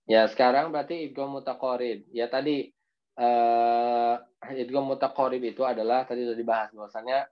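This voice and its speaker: A man teaching Quran recitation in an online class, explaining patiently and drawing out each recited word slowly. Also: mid-range voice, dull audio. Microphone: video call.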